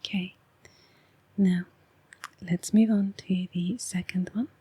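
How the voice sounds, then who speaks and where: A woman with an English accent speaks in a hushed, half-whispered ASMR voice, unhurried and very breathy. She reads oracle cards in a soft ramble, with a close, dry sound. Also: on the low side, steady tone, no room sound. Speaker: oracle card reader and ASMR host. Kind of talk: soft-spoken rambling ASMR card reading.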